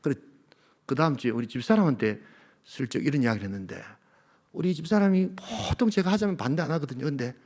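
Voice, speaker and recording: Lively, expressive man preaching a sermon. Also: mid-range voice, quick pace. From Gyeongsang region of Korea. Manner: storytelling preacher, swings between loud emphatic lines and hushed near-whispers. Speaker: senior pastor.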